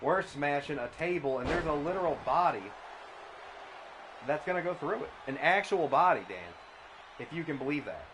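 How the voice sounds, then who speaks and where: Guy doing goofy deadpan wrestling commentary, stumbles over words, noisy background. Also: on the high side, moderate pace. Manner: deadpan absurd banter, stammering restarts. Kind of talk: comedic play-by-play commentary.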